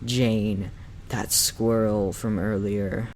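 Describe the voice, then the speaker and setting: A man narrates a video essay with semi-scripted review commentary, sounding like an opinionated, enthusiastic fan. His voice is lowish and a little mellow, with little pitch movement and a very slow pace. The background is clearly noisy.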